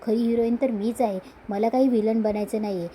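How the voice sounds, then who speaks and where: A woman's voice: a little high, fairly even intonation, fairly quick, warm tone, a little hiss or hum, lightly acted, rough recording. A woman voicing a spoiled, resentful young woman who sulks and accuses her elder sister. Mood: brooding. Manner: sulky, accusing.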